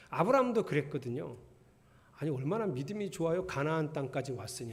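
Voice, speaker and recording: A man's voice: on the high side, a little mellow. A man preaching a sermon as pastor, in a conversational way, acting out the voices he quotes. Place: church sanctuary. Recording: church hall with long reverb.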